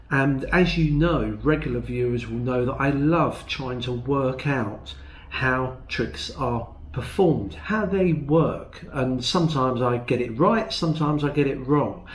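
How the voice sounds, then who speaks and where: A middle-aged or older man presenting a magic demonstration in a measured, step-by-step explaining way. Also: mid-range voice. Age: 50s or older. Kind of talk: explaining and demonstrating a close-up magic trick to viewers. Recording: roomy, echoey indoor sound.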